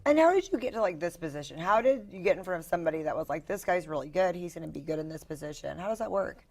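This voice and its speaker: A woman's voice: lowish voice, animated, racing, darkish tone. A woman hosting an interview show, chatty and eager, asking long rambling questions full of "like" and "you know.". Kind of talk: casual interview chat.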